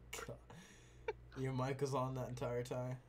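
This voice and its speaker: A man's voice: mid-range voice, monotone, slow pace, background noise. A man hosting a casual gaming session with a friend, laughing constantly, swearing and cheering during play. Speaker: gaming channel host.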